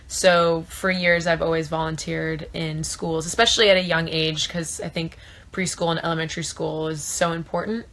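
Casting: woman in her twenties from South Florida, bright and a touch low, easygoing live-chat delivery. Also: little pitch movement, moderate pace. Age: 20s. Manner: chatty, thinks aloud with fillers. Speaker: actor answering fan questions. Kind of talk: casual live-stream chat. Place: small trailer room indoors. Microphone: phone at arm's length.

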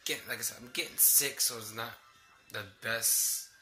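Speaking at a moderate pace in a medium, steady pitch, this young adult vlogger sounds pushed and bright over faint background music. He's a theme park ride worker chatting from a small indoor bedroom, hesitant and rambling while sick with a sore throat and a lip cold sore. The home recording comes from a phone or laptop at arm's length and carries faint noise.

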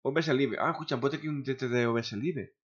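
Grumbling streamer, lo-fi sound. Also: male voice, medium pitch, fast. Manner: grumbling, swears often, talks to himself. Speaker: gaming streamer. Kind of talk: casual streaming chatter. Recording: dull lo-fi sound.

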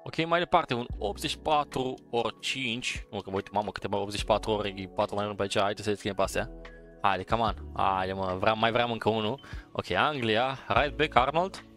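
A man's voice: on the low side, fairly bright tone, faint music behind. A man giving casual, eager commentary as he opens football card packs, urging the game on and tossing in English exclamations. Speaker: gaming streamer opening packs. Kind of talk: casual pack-opening commentary.

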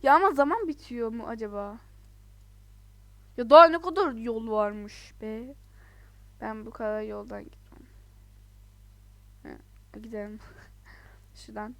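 A woman giving chatty, casual commentary while playing a video game, excitable, laughing often and exclaiming in frustration. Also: a little high, no echo. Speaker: let's play gamer.

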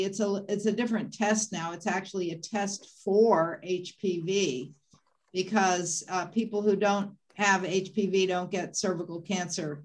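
A woman's voice: mid-range voice, low-quality recording. An older woman on a video call panel, explaining medical facts in an informative, matter-of-fact way.

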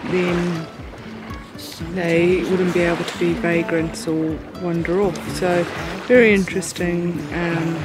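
A woman's voice: fairly low pitch, level tone, takes it slowly, over music, poor audio. A woman talking casually while sailing, rambling with frequent fillers and restarts. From New Zealand. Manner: rambling, hesitant with many fillers. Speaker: sailing vlogger. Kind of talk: casual off-camera commentary. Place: outdoors on a sailboat.

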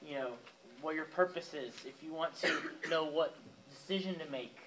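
A man's voice: a little high, normal speed, fairly bright tone, low-quality recording. Casual young man preaching to teens. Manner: casual, talks directly to teens with fillers and asides. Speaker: youth pastor. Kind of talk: youth sermon. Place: church youth room, with a live audience.

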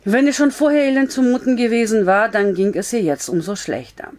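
A woman reading a novel aloud as a storyteller, in calm, measured narration. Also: on the high side.

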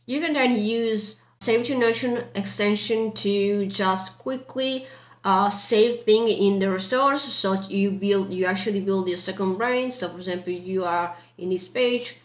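A young woman, a non-native English speaker, giving a casual step-by-step software tutorial in an informal, loosely phrased way. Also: medium pitch, unhurried. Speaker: tutorial presenter. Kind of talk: casual screen-recorded software walkthrough. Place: indoor room. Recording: roomy, echoey voice track.

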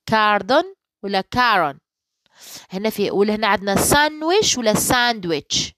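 A woman English teacher with an Algerian Arabic accent, going through an exam solution in dialect and slowly reading the English sentences, and often asking "okay?". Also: medium pitch, animated, a bit bright, dry recording. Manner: slow, careful reading of English sentences, then explaining in dialect; keeps checking with "okay?".

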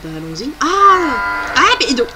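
A woman's voice: a little high, expressive, normal speed, heavy background noise. A woman doing let's play commentary, chatty and exclamatory, thinking aloud as she plays. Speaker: gamer.

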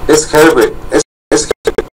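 A man's voice: steady tone, a little slow, lightly acted. A man voicing a desperate grieving old mother who cries out hysterically. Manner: shrill, hysterical outbursts. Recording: distant mic, faint hum.

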